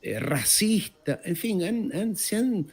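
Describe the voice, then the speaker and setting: A middle-aged man, born in Uruguay and raised in France, appears as an interview guest offering conversational political commentary, stressing and repeating words emphatically. His voice sits high and animated, slow in pace with a breathy edge.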